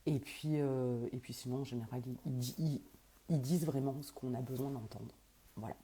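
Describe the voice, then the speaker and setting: A woman's voice: extremely low pitch, normal speed, dark tone, a little hiss or hum. A woman working as a medium who answers viewers' questions in a casual live stream, talking hesitantly with many fillers and restarts.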